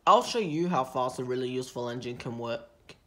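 Duncan, read by a woman, a bossy hurried engine. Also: extremely low pitch, lively intonation, sharp tone, voice pushed down, exaggerated voice. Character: impatient boastful young male engine.

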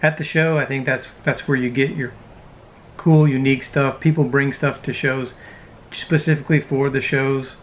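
A man in his thirties talks in a relaxed, rambling way, with plenty of fillers, at an everyday middle pitch. He is sitting inside a parked RV, speaking to a camera close in front, with a faint hum of noise behind him. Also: moderate pace, low-quality recording. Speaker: vlogger. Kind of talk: casual chat.

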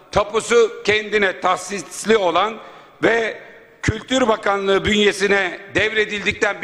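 A man's voice: high voice, a bit bright. A man speaking as a member of parliament at a podium microphone in a large chamber, making an indignant, rhetorical floor speech that piles up points. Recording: long reverb of a large hall.

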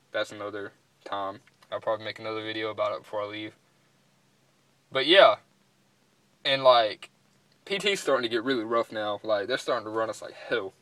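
A man's voice: medium pitch, a bit bright, no room sound, rough recording. A young man chats casually to camera, talking with a lip full of dipping tobacco. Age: young adult. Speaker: vlogger and dip reviewer. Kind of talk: casual chat. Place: inside a parked pickup truck cab.

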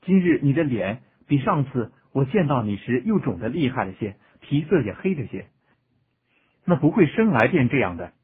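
Man voicing earnest kind young man, gentle, husky, lively pitch. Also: normal speed. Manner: sincere and gentle. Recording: tinny phone-like audio.

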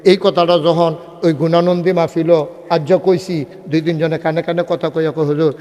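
A man's voice: on the high side, level tone, normal speed, a little mellow, long reverb tail. A man preaching a humorous sermon, telling stories and getting the crowd to call back responses. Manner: conversational, storytelling with dialogue. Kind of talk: humorous Islamic sermon at a religious gathering.

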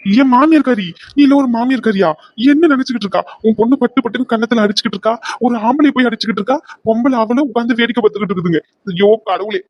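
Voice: mid-range voice, racing, no room sound, highs cut off, close to an everyday voice. A voice actor plays a tied-up cartoon villain, a braggart who has turned into a whining coward. He grumbles and begs in a comic way, and the sound is dry and close. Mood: whiny. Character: captured boastful villain man, whiny coward.

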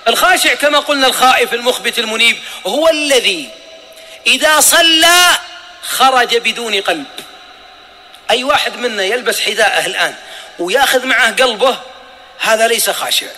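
A man preaches a sermon in a very high, bright and forceful voice. He talks emphatically, throws rhetorical questions at his listeners and acts out little exchanges. Long hall reverb rings out behind every phrase. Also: lively intonation, fairly quick.

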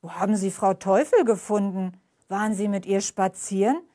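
A woman's voice: medium pitch, normal speed, mellow, natural voice. A woman voicing a surprised doorkeeper firing off questions in a read-aloud story. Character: surprised male doorkeeper of a care home.

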